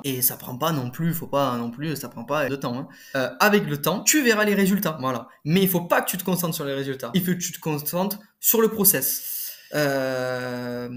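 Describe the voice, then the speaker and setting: Casual young man coaching study habits. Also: a little high. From France. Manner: informal, many fillers and restarts, addresses viewer as tu. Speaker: prep-school study coach. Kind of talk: casual advice talk to camera.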